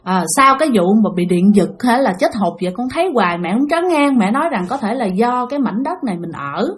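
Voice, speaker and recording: A woman's voice: mid-range voice, lively intonation, fast talker. A woman with a Southern Vietnamese accent telling a ghost story in a conversational way, speaking directly to her listeners. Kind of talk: spoken ghost-story narration.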